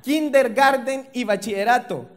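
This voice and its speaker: A young Salvadoran man works a live crowd in a stand-up set, his voice sitting high for a man. He talks in quick slangy bursts and throws loud asides at the audience. A faint hum of noise sits under him on stage. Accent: Salvadoran Spanish. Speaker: stand-up comedian.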